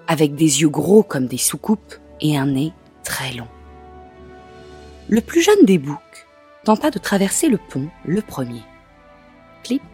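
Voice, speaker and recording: Male storyteller, measured fairy-tale read, slow. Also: a little high, a little mellow. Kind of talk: scripted fairy-tale narration.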